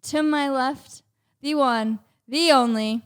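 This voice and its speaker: A woman with a high, bright-sounding pitch hosts a casual chat. She is bubbly and playful, teasing her guest along. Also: takes it slowly, clean tone. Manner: playful, bubbly, laughs often. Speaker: host.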